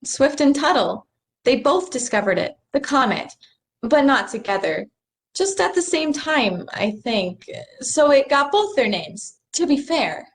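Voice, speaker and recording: A woman's voice: high-pitched, sing-song, unhurried, heavily acted. A young woman acting an earnest, bookish stargazer in a stage play reading, a little apologetic as she explains things. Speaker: actor in a rehearsed play reading.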